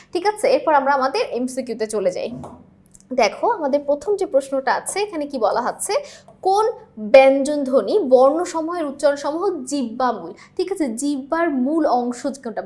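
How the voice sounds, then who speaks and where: A woman teacher going through multiple-choice exam questions, explaining each answer patiently and often checking in with her students. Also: high-pitched.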